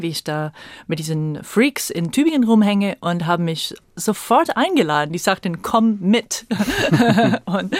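This low-voiced woman, middle-aged and from Virginia in the United States, talks as an interview guest in a reminiscing, conversational manner. She's a native English speaker with an American accent, recorded with no room sound.

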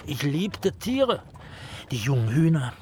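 A man's voice: fairly high pitch, very animated, takes it slowly, a little mellow, a little hiss or hum. An actor playing a pompous writer who tells stories of his boyhood in an ornate, theatrical way. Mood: storytelling. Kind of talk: radio play acting.

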